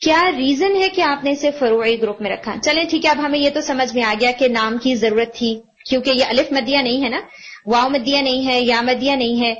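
High-voiced woman teaching Quran recitation. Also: a bit bright. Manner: explains patiently, asks students questions and praises answers; mixes English words into Urdu. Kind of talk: online tajweed class. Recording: dull lo-fi audio.

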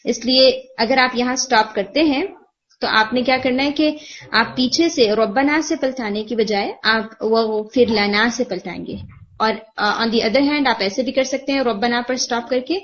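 A woman's voice: on the high side, a bit bright. Patient woman tutor. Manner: patient, explanatory, mixing English terms into Urdu. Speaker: Quran recitation teacher. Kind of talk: one-on-one tajweed feedback. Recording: lo-fi muffled audio.

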